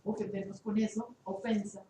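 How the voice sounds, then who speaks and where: A woman's voice: medium pitch, little pitch movement, dark tone. Woman recounting an anecdote, echoey room. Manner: halting, searches for words. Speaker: workshop participant. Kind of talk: retelling an anecdote in class. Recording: echoey room, far from the mic, faint hiss.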